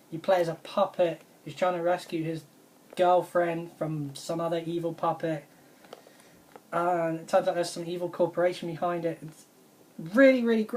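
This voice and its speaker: A woman's voice: on the low side, a little mellow, a little hiss or hum. A woman, casually reviewing her favourite retro video games in an enthusiastic, rambling way and repeating her praise. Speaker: video game vlogger.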